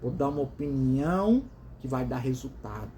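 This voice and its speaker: A man's voice: medium pitch, expressive, normal speed, dark tone, slight background noise. A man with a Brazilian accent hosting a motivational talk, stressing points by repeating words and asking himself questions he then answers. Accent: Brazilian Portuguese. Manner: emphatic, repeats words in runs, calls the listener "dear". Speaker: host of a motivational series.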